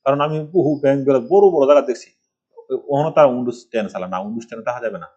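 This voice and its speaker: A man's voice: mid-range voice, expressive, quick pace, darkish tone, dull audio. A middle-aged man from Bangladesh teaching a rambling computer tutorial, asking rhetorical questions as he goes. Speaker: computer course instructor. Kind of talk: screen-recorded computer tutorial. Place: village home.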